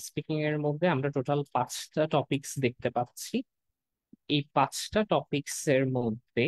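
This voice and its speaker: A man's voice: mid-range voice, no room sound. A man with a Bangladeshi accent giving a live exam-prep lesson, explaining patiently and checking in with his students as he goes. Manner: explanatory, checks in with "তাই না?" and "কেমন?", mixes in English words. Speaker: PTE exam teacher. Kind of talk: live class lecture.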